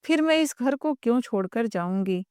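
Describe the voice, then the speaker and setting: A woman's voice: a little high, lively intonation, moderate pace, darkish tone, smooth, no echo, clean studio sound, natural voice. A woman voicing a lazy, scheming young sister-in-law who talks in a mocking, shameless way. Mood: taunting.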